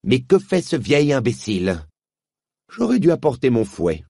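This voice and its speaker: A man's voice: medium pitch, wildly swooping pitch, moderate pace, gravelly, warm tone, no echo, studio quality, voice pushed up, full character voice. Menacing witch queen, commanding and cruel, raised voice, put on by a male reader. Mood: impatient. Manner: threatening, commanding.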